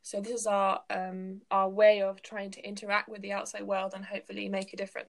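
A woman talks earnestly as a podcast co-host, thoughtful and soft-spoken. She muses with ums and likes, in an even, mid-pitched voice. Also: a little fast, gravelly. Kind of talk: casual chat.

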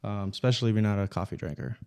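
A man's voice: fairly low pitch, lively intonation, rapid-fire, creaky, a little mellow, clean tone. A middle-aged man from Miami, a podcast guest telling stories in a laid-back, casual way. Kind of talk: casual chat.

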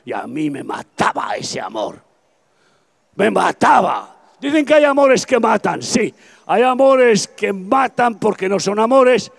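A man in his seventies with a Spanish accent from Spain, preaching an impassioned open-air evangelistic sermon that swings between soft confiding and shouting. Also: sits high, sing-song, a little slow, vocal fry. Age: 70s. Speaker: pastor. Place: outdoors at a campaign event.

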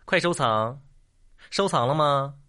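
A man who hosts a comedy show. He reads jokes aloud as a lively storyteller and acts out the lines of his characters. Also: fairly high pitch, slow pace, slight background noise. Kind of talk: joke reading.

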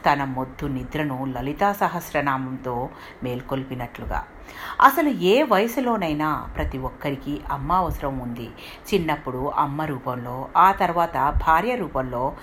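A woman narrating a story in an expressive, steady reading voice. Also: deep voice, a little slow, slight background noise.

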